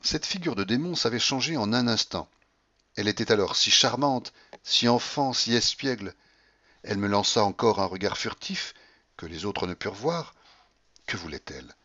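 Man narrating a classic novel, measured. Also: on the low side, expressive, bright, forceful tone, highs cut off. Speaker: audiobook narrator. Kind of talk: literary audiobook narration.

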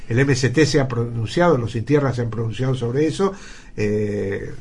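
A man giving indignant political commentary on a radio panel, often pausing on fillers as he talks. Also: mid-range voice, breathy edge. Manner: indignant, halting with frequent fillers.

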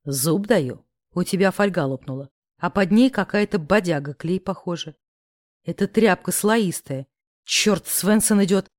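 A woman's voice: lowish voice, moderate pace, darkish tone, no room sound, studio quality, natural voice. A woman voicing a mocking, bossy rich young man who teases and hisses orders. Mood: smug. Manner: smug, teasing, hissing orders.

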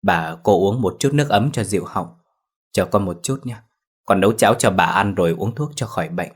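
Guy voicing a soft caring young wife in a storybook, pleading, low voice. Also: expressive, a little fast, breathy edge.

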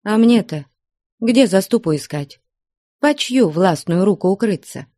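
A woman's voice: mid-range voice, lively intonation, a little slow, mellow, no room sound, clean studio sound, pitched above the performer's own voice. A woman voicing a grumbling, snappish young nun who leads the choir. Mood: fretful. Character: young choir-leading nun, grumpy and fearful.

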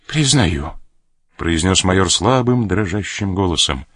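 A man narrating an adventure audiobook with an expressive, dramatic reading. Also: fairly low pitch, normal speed, no room sound, clean studio sound. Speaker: audiobook reader.

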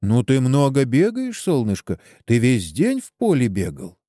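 A man's voice: mid-range voice, huge pitch swings, measured pace, warm tone, no room sound, studio quality. A man voicing a worried, loving mother who speaks tenderly to her child. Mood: tender worry. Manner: tender, anxious.

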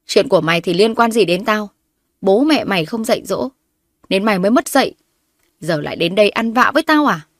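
A woman narrator voicing a spiteful, scheming older mother-in-law who scolds and insults loudly. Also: medium pitch, expressive, normal speed, dry recording, studio quality, close to an everyday voice. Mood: scornful.

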